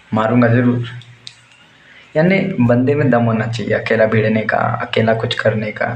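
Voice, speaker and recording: A young man gives blunt, crude, fired-up life advice in a casual motivational monologue. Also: mid-range voice. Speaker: warehouse worker giving life advice. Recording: roomy echo, faint background noise.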